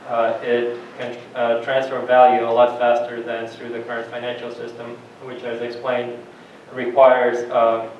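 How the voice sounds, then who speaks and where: A man giving an introductory conference lecture in a halting, conversational way, full of fillers. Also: mid-range voice, completely flat delivery, slight background noise. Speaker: conference speaker. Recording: echoey, dull sound from far off.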